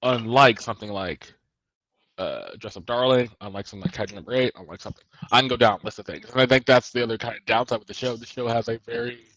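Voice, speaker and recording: A man's voice: medium pitch, fast talker, a bit bright, no room sound, poor audio. Male co-host, casual rambly talk, dry close sound. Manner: rambling, restarts sentences often. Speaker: podcast co-host. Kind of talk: casual chat.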